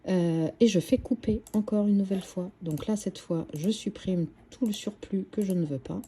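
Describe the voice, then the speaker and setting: A woman's voice: mid-range voice, normal speed, warm tone, slight background noise. A woman hosting a screen-recorded craft tutorial, chatty and hesitant, with many fillers and restarts.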